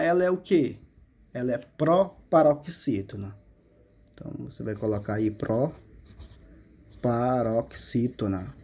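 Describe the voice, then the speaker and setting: A man's voice: a little high, mellow. A male teacher, explaining a school exercise step by step and checking in with frequent questions. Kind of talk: remote classroom lesson.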